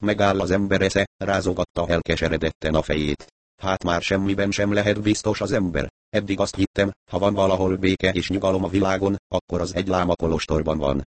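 A man's voice: low voice, level tone, no echo, close to an everyday voice. A man reading the part of an agitated, exasperated man in an audiobook.

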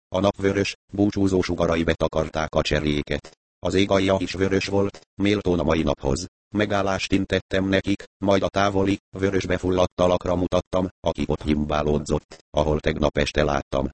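A man reading a story aloud as audiobook narrator, with a measured, steady storytelling delivery. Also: deep voice, no echo. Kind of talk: scripted narration.

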